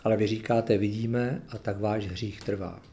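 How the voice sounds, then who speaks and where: A man's voice: on the low side, fairly even intonation, warm tone. Man reading scripture, then musing aloud. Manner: plain, unhurried reading, then searching, hesitant talk with fillers. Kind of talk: Bible reading followed by personal reflection.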